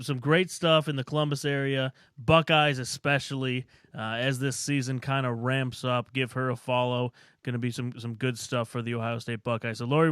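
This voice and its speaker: A man's voice: medium pitch, a bit bright, smooth, no echo, clean studio sound. A man co-hosting a sports radio show, upbeat and hyping up his guest in casual chat.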